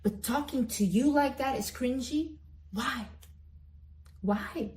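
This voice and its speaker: A woman's voice: high voice, slow pace, a little mellow, slight background noise. Emphatic young woman giving a pep talk. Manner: emphatic, repeats phrases for emphasis; talks about herself in the third person. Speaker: motivational vlogger. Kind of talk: direct-to-camera pep talk.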